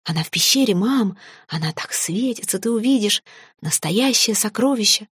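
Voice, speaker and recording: A woman voicing an excitable, naive baby dragon boy who squeals and gushes his words breathlessly. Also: a little high, unhurried, husky, no echo, studio quality, pitched above the performer's own voice. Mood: excited.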